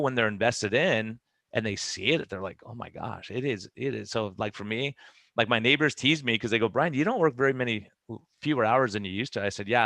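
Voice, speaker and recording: Fast-talking, bright-voiced middle-aged man. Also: lowish voice, dry recording. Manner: energetic storyteller who acts out patients' lines. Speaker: physician guest. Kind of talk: podcast conversation.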